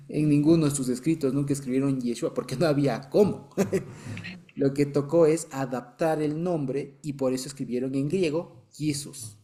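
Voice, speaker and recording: A man with an Ecuadorian Spanish accent and a slightly high, mellow voice leads a Bible study. He explains things patiently, keeps checking that listeners are following, and chuckles now and then.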